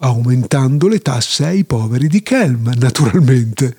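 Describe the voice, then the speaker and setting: A man's voice: mid-range voice, animated, unhurried, warm tone, husky, voice pushed down. A man voicing a pompous, foolish male village elder who speaks with dismissive self-assurance.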